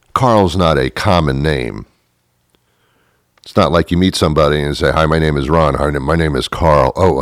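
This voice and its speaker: A man's voice: extremely low pitch, dry recording, studio quality. A man in his thirties hosting a talk show, rambling through a sarcastic, self-mocking monologue that often trails off. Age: 30s.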